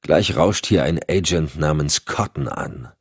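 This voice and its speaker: A man's voice: rumbling low, a little slow, slightly rough, no room sound, clean studio sound, heavily acted. A man voicing a hot-tempered, tough male agent who talks bluntly and threateningly. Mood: menacing.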